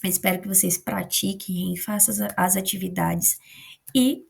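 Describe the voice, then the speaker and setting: A woman teacher with a Brazilian accent speaks in a heavily gravelly voice. Her tone is husky and breathy as she walks adult learners through spelling examples, stretching each word out slowly and deliberately. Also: mid-range voice, steady tone, a little mellow. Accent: Brazilian Portuguese. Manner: slow, careful enunciation of example words. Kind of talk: remote adult-education spelling lesson.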